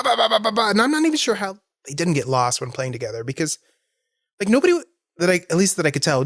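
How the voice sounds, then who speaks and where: A man's voice: medium pitch, no echo, studio quality. A man hosting a podcast, rambling with enthusiasm about a concert and laughing often. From Florida. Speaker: podcast host. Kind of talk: casual solo podcast monologue.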